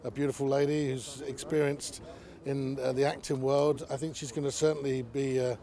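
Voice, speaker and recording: A man giving conversational interview commentary in a measured, somewhat hesitant manner. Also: medium pitch, flat delivery, dark tone. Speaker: royal commentator.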